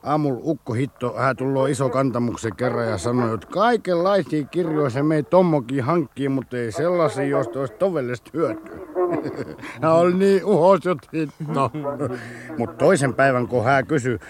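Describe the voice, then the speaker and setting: An actor playing an easygoing soldier with a Karelian dialect, telling a folksy story and chuckling in a radio play. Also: male voice, mid-range voice, crowd noise, close to an everyday voice. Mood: amused.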